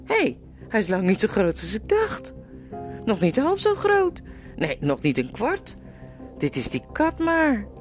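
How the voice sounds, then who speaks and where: A woman's voice: mid-range voice, wildly swooping pitch, unhurried, faint music behind. A woman voicing an anxious young boy in a storybook reading. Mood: relieved.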